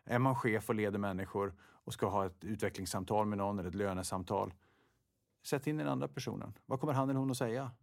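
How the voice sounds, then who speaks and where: A man's voice: fairly low pitch, vocal fry. A man guest in an interview, speaking reflectively and often posing rhetorical questions to himself. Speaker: guest, football referee.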